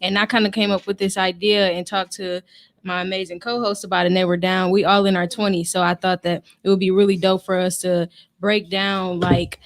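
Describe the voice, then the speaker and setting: A woman's voice: fairly low pitch, level tone, a little fast. A woman of twenty-four with speech, introducing the topic and reflecting thoughtfully as a podcast host. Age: 20s. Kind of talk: casual podcast hosting.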